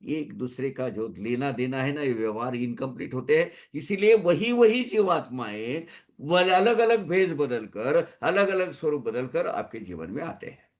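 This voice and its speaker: This man delivers an emphatic spiritual talk at a satsang in a mid-range, darkish voice with lively intonation and a moderate pace. He repeats phrases to drive points home and sprinkles English into his Hindi.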